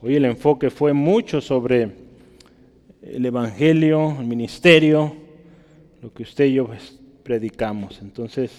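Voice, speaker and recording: A man's voice: mid-range voice, a little slow, a little mellow. A man preaching a sermon and reading scripture aloud, emphatic, often checking in with his listeners. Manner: emphatic, often asks "¿verdad?". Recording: long hall reverb.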